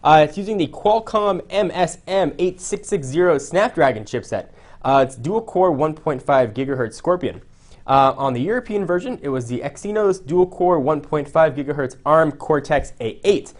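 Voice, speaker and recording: A man's voice: on the high side, expressive, normal speed. A young man chatting casually through a phone unboxing, jokey and full of "uh" fillers. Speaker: tech reviewer.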